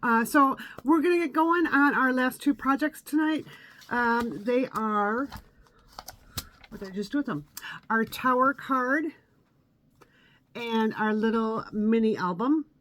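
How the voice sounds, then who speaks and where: A woman in her fifties, slightly sniffly from allergies, talks through a live craft tutorial in her home craft room. Her voice is a little high and a bit bright, and she gives step-by-step instructions in a chatty way full of ums and uhs.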